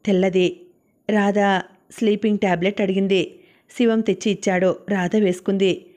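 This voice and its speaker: Lady reading an audiobook novel, very flat level delivery. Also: mid-range voice, moderate pace. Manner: steady, even reading. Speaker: audiobook narrator. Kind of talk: novel narration.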